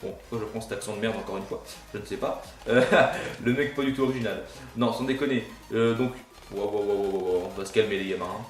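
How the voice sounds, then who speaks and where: A man's voice: on the low side, fast talker, darkish tone, echoey room. Young man, gameplay commentary, rambling, self-mocking, faint game music behind, distant mic. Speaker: gaming YouTuber.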